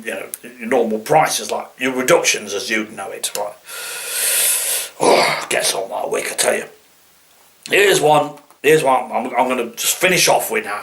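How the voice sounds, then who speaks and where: A man's voice: medium pitch, bright, forceful tone. A man with a Nottingham East Midlands accent giving a comic, rambling monologue to viewers, grumbling in mock annoyance and stammering over repeated words as he digresses. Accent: East Midlands English, Nottingham. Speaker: comic dialect vlogger.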